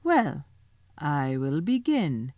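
A woman voicing a cold, scornful witch queen who speaks slowly and commandingly. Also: sits low, very animated, a little mellow, no echo, exaggerated voice. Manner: slow, commanding.

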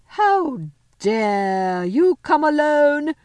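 A woman voicing a cruel, imperious witch queen in a storybook, slow, commanding and threatening. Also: low-pitched, expressive, darkish tone, dry recording, full character voice. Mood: furious.

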